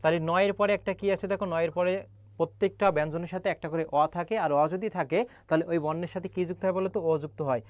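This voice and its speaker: Young guy teaching a live class online, fairly high voice, dry close mic, keeps quizzing the chat. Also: fairly even intonation, quick pace, no room sound, dull audio. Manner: quizzes viewers and reads their comments aloud. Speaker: online admission-prep teacher. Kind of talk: live-streamed grammar lesson.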